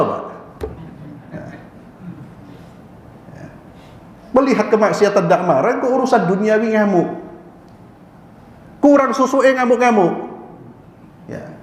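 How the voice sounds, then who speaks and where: A man's voice: high-pitched, slight background noise. A man preaching a mosque sermon, asking and answering his own questions and addressing his listeners as "Pak". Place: mosque hall. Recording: echoey mosque hall with long reverb.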